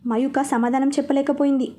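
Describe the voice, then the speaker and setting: A woman narrating a romance story in a lively storytelling way. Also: high voice, brisk.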